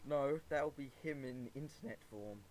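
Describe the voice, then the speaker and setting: A man's voice: mid-range voice, heavy background noise. A man hosting a podcast interview, asking questions casually and joking with his guest. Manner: unhurried, jokey, laughs often. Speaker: podcast host.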